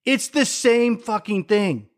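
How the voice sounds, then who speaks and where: A man's voice: high voice, expressive, takes it slowly. A middle-aged man in a casual chat who tells stories with energy, acts out other people's reactions and swears casually.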